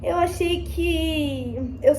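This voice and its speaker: A high, youthful girl's voice chatting into her phone as she does her makeup. She rambles and circles back to the same points, calling out to her viewers every few lines. The talk is loose and casual, the way a personal vlog sounds. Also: extremely slow, a little mellow, a little hiss or hum. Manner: rambling, repeats herself, keeps addressing viewers as "gente". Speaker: vlogger. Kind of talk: casual storytelling while doing makeup.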